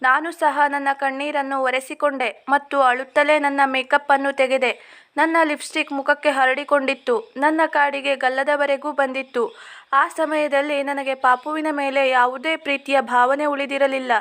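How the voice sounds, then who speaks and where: A woman narrating a first-person story in a steady, even reading voice. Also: high voice, normal speed.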